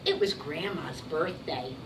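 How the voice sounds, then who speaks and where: In a very noisy classroom, a woman teacher reads a picture book aloud to young children, encouraging and instructing them as she goes. Her low-pitched voice is unhurried, and the mic is set at a distance.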